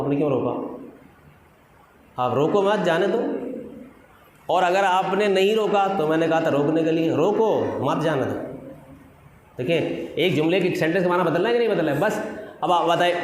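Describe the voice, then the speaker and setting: A man's voice: on the high side, slight background noise. A man preaching to a seated gathering, stretching out key words and asking the audience rhetorical questions. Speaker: Shia cleric giving a religious lesson. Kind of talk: sermon-style religious talk. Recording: echoey hall with faint ambience.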